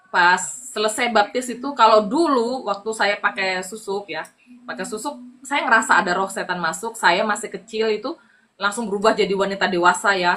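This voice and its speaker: Bright-voiced Indonesian woman telling a testimony. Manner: lively storytelling, acting out quoted dialogue with pitch jumps; casual, frequent fillers like "gitu". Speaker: guest giving testimony.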